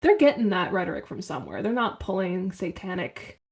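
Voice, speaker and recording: A woman's voice: lowish voice, sing-song, brisk, darkish tone. A woman co-hosting a podcast in casual chat, blunt and emphatic. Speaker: podcast co-host.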